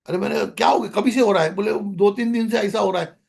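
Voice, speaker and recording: Gravelly-voiced man telling a rambling story. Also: sits high, quick pace, darkish tone. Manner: rambling anecdotal telling with many restarts. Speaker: podcast guest. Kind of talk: storytelling in casual conversation.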